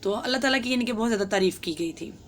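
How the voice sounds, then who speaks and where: A woman giving earnest devotional advice, urging listeners on and slowing down to spell out words. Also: on the high side, a little hiss or hum. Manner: urging and reassuring, slows to spell out recitation. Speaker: religious YouTube host.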